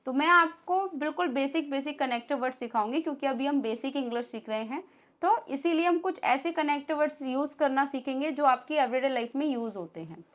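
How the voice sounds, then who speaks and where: High-voiced Indian woman teaching English. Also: lively intonation, fairly bright tone. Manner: reads English example sentences slowly and deliberately, then translates them. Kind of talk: online English lesson explained in Hindi.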